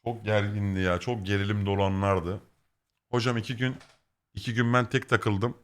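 A man's voice: lowish voice, moderate pace. A young man casually telling funny stories to his viewers, swearing and acting out the dialogue. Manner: animated, swearing, acts out quoted exchanges. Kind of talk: casual storytelling to chat.

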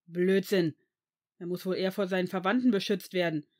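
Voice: mid-range voice, a little fast, lightly acted. A reader voicing an angry, protective male potions master in a fan fiction audiobook, cutting and indignant. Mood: furious. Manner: cutting, indignant, shouting at times.

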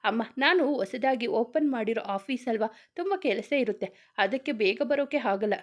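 A woman's voice: on the high side, moderate pace, natural voice. A woman voicing a mild-mannered young man talking to his mother in a storybook reading, patient and reassuring.

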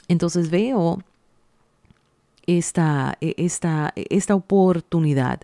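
A woman giving a tarot reading to the viewer in a slow, soothing, reassuring way. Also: deep voice, mellow, no room sound. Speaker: tarot reader. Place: indoors at a table, hands seen laying out cards.

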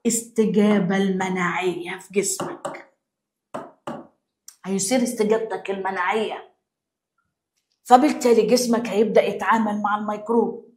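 A woman with an Egyptian accent, a biology teacher giving an exam review lesson, explaining in a lively way and firing rhetorical questions at her students. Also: a little high, roomy sound, slight background noise.

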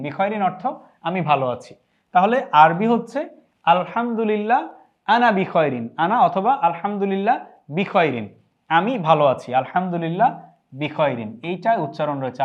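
A man with a Bangladeshi Bengali accent teaching a spoken Arabic lesson, drilling phrases slowly and repeating each one. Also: high voice, muffled recording. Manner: slow, careful drilling of phrases with repetition.

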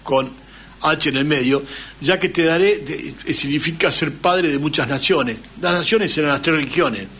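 A man's voice: on the high side, moderate pace, a bit bright, slight background noise. A man with an Argentine accent, hosting a radio talk show and lecturing at length, often checking in with his listeners. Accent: Argentine Spanish. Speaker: radio host.

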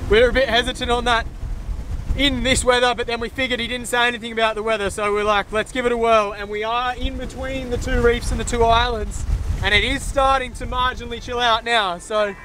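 A man's voice: very high-pitched, level tone, brisk, pushed and bright, a little hiss or hum, poor audio. Laid-back man on a stormy boat. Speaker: sailing vlogger. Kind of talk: casual vlog talk to camera. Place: outdoors on a sailboat in rain and wind. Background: music and waves.

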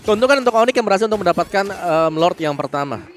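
A man's voice: sits high, lively intonation, fast talker. An Indonesian man giving analytical commentary on an esports match.

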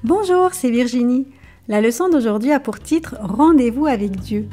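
Mellow-voiced woman children's lesson reader. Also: fairly high pitch, animated, moderate pace, soft background music. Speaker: children's Bible lesson presenter. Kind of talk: scripted storytelling for children.

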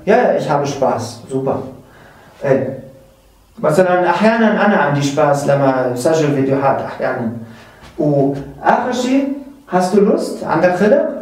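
A high-pitched man gives a casual German lesson, repeating each example sentence slowly and asking his viewers questions. He sits well back from the mic, and the room rings with heavy echo. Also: a little mellow. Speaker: German teacher. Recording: very echoey room, mic far off.

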